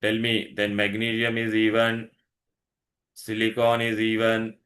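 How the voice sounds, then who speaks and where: This man's voice sits on the low side, with a fairly bright tone, a completely flat delivery, and a slightly slow pace. He has an Indian accent and teaches science online, being instructive and repetitive, quizzing pupils and often checking they follow.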